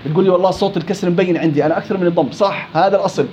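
This high-voiced male teacher has a dark tone and drills recitation in a tajweed class, demonstrating words slowly, repeating them and quizzing the students. The recording sounds dull and lo-fi, with faint noise in the background.

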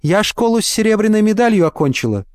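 A shy young woman job applicant, answering quietly in short, hesitant replies in a raised voice, as a male reader puts her on. The sound is dry and close, with no room around it. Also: high-pitched, sing-song, fast, no room sound, pitched above the performer's own voice. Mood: timid.

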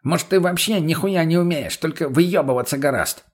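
A man putting on a cocky, foul-mouthed young thug for a storybook reading, in a raised, husky voice. He needles and curses nonstop. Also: a little high, fairly quick, pitched above the performer's own voice, natural voice.

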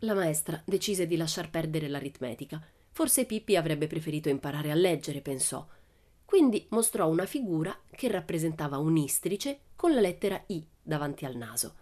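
A woman reading a children's storybook aloud in a lively, expressive narration. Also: deep voice, normal speed. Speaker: audiobook reader.

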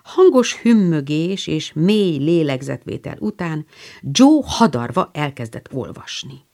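A woman reads a classic novel aloud in a rather low voice. Her pitch is lively and moves a lot as she narrates. She tells the story with clear expression. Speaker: audiobook narrator. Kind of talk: scripted narration.

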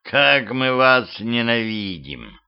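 A man voicing a cold, menacing skeletal beast with a wolf's face, speaking in a slow growl on a muffled lo-fi home recording. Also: mid-range voice, very animated, gravelly, clear, resonant tone, exaggerated voice.

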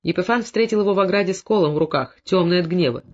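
High-voiced man reading an audiobook. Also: fast. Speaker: narrator. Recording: dull lo-fi recording.

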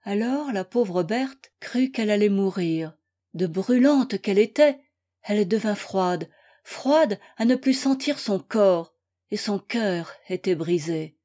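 A woman reading a classic novel aloud in a measured, dramatic way. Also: medium pitch, expressive, dark tone. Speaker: audiobook reader. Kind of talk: scripted literary narration.

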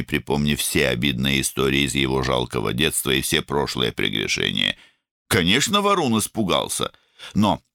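A man narrates a novel in a very low voice that still sounds bright and lively. The recording is close and dry. He reads expressively, with a wide pitch range. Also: no room sound. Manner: expressive reading, voicing characters with shifts of pitch. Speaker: audiobook narrator.

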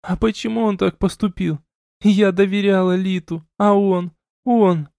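A man voicing a drunk, tearful young woman mage who sobs and accuses, slurred and shrill. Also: steady tone, measured pace, gravelly, a little mellow, no echo, studio quality. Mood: sobbing. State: crying.

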